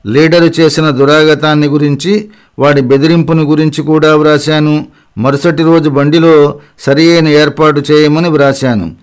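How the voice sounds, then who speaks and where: Male audiobook narrator, slightly higher voice, clean and resonant, even memoir reading. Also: smooth. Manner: steady, measured first-person reading.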